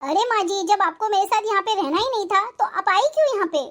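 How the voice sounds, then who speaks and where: A voice actor playing a resentful younger daughter-in-law who complains angrily and sarcastically in an animated moral story. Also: very high-pitched, a little hiss or hum. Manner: angry, sarcastic, rapid complaining.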